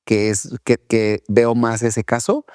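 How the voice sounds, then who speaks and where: A man's voice: medium pitch, level tone, slow pace, darkish tone, clear, resonant tone, no echo, clean studio sound. A man co-hosting a faith-based parenting podcast, talking casually and acting out children's whiny voices now and then. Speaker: podcast co-host, father.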